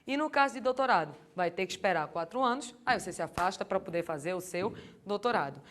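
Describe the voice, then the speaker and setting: A young adult woman, lecturing on law for exam prep in a lively, colloquial way and asking the class rhetorical questions. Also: medium pitch, fast. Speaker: law course teacher.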